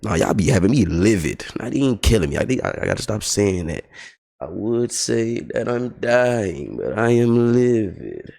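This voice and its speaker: A man's voice: on the low side, very animated, normal speed, vocal fry, a little mellow. A man livestreaming a casual, profane, exasperated storytelling rant. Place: home streaming setup.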